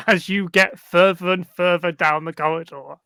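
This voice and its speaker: A game master narrating a tabletop role-playing game in slow, deliberate bursts with frequent pauses and fillers. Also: mid-range voice, steady tone, sharp tone, clean tone, no room sound, clean studio sound.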